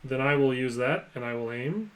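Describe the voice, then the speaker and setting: A man's voice: medium pitch, expressive, normal speed, a bit bright, a little hiss or hum, rough recording. A man talking casually as a player in a tabletop role-playing game.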